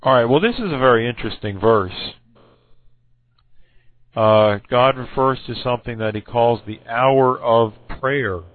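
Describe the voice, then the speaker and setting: A man laying out a Bible interpretation to someone he disagrees with, halting and correcting himself, with many fillers, and losing his voice. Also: medium pitch, narrow, tinny audio, slight background noise. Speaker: Bible debater. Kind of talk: recorded argument addressed to another person.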